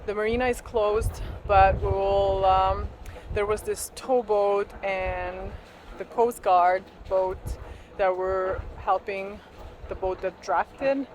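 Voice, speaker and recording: A woman's voice: mid-range voice, fairly even intonation, slow pace, darkish tone. Woman in her 30s, continental european accent, chatty boat vlog, bit of background noise. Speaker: sailing vlogger. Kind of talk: casual vlog chat. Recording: noisy on-board boat recording.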